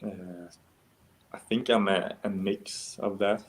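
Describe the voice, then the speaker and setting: A man's voice: lowish voice, steady tone, slow pace. A young man from Denmark answering interview questions casually, with many fillers and restarts. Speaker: interview guest, goalkeeper.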